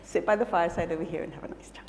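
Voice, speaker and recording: A jet-lagged keynote speaker from Malawi, with a mixed British and South African accent, gives an earnest, reflective conference presentation on stage in a large hall, full of fillers and restarts. Her voice is lowish, creaky, and darkish, and she speaks at a racing pace. The echoey hall has faint ambience and a slight hiss or hum.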